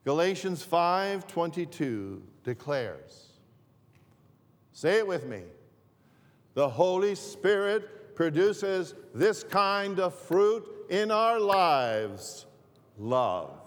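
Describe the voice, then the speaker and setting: Male pastor, sermon delivery, slow pace, slightly high voice, long hall reverb. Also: big pitch swings. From northern Greece. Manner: repeats and restarts phrases, slow and deliberate.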